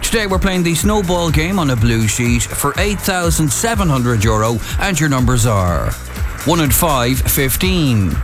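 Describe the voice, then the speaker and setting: A man's voice: a little high, very animated, a little slow, over music. An Irish man working as a radio bingo caller, reading out numbers and announcements.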